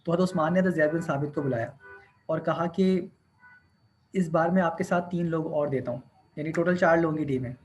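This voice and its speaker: A man's voice: fairly high pitch, brisk, darkish tone, slight background noise. A man teaching a class, explaining step by step, counting points aloud and mixing English terms into his speech. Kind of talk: classroom lecture.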